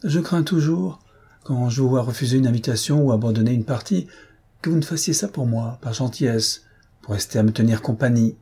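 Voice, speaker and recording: A man voicing a gentle, affectionate elderly countess in a read-aloud novel. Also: medium pitch, brisk, husky. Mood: kindly.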